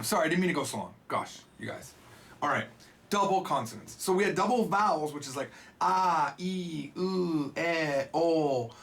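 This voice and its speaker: A man's voice: medium pitch, fairly bright tone. A man giving a casual Japanese lesson, with playful, jokey asides. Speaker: Japanese teacher.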